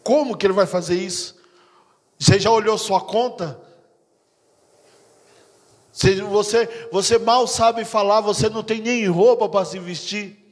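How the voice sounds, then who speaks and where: Preacher voicing a scornful, mocking devil. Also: male voice, high-pitched, fairly even intonation, a little slow, long pauses, pitched below the performer's own voice. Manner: scornful, belittling taunts. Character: mocking devil, a discouraging male tempter. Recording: long hall reverb with music.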